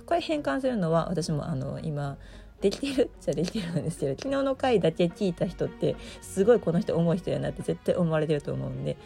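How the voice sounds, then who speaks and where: A middle-aged woman with a very gravelly, just-woken hoarse voice, pitched on the low side. She hosts a casual solo talk with a chatty, self-deprecating manner. Faint music plays behind her. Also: very animated, fast, mellow. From Osaka, Japan. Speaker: host, aromatherapy shop presenter.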